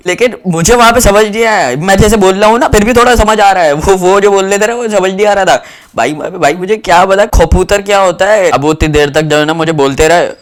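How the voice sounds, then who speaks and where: A young man from Pakistan, telling a travel story to camera in a rambling, animated way with lots of fillers. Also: sits high.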